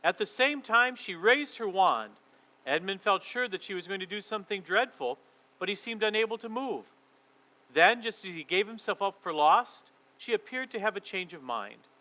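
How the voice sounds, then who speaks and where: A man leading a children's church session and reading a storybook aloud in a lively, expressive way. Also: high voice, normal speed, rough recording.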